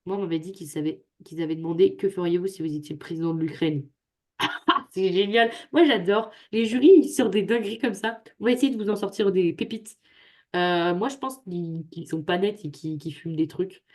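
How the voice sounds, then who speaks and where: Here a young woman with a fairly low, fairly quick voice tutors students over video. The talk is relaxed and chatty, full of self-mocking jokes, and it's recorded on her computer's microphone.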